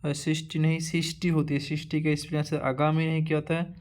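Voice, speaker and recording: A male teacher running an exam-prep lesson, reading through a word list in a repetitive drilling way with halting restarts. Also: on the high side, flat delivery, a little mellow.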